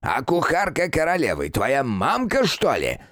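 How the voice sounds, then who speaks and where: A man voicing a loud, cantankerous old village grandfather who yells taunts and boasts in an audiobook. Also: fairly high pitch, wildly swooping pitch, measured pace, no room sound, clean studio sound, voice pushed up, exaggerated voice. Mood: shouting, taunting. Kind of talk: audiobook character voice.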